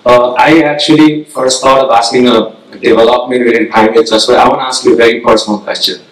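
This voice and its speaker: A man's voice: mid-range voice, steady tone, brisk, recorded from a distance. A young man from Nepal, a graduate student, asking a question from the audience in a direct, conversational way. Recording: echoey hall, voice from off-mic.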